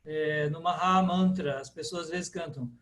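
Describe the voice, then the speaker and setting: A man teaching a Sanskrit class, explaining patiently and repeating words slowly for students. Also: fairly high pitch, fairly even intonation, fairly bright tone, reverberant. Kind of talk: online class lecture.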